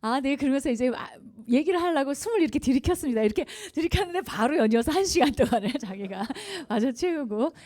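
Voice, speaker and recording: A woman speaks to a church congregation at a revival service, her tone mellow and warm. She lectures conversationally, spinning anecdotes and often turning to the audience with questions between light laughs. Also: sits high, expressive, fast, few pauses. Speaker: guest speaker at a revival meeting.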